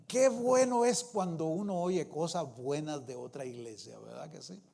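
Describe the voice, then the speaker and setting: Middle-aged guy preaching in church, slow and drawn out, a bit high, keeps calling out to the congregation. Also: darkish tone. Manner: preaching with frequent "hermanos" asides, rising emphatic phrases. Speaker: pastor. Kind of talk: sermon. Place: church sanctuary.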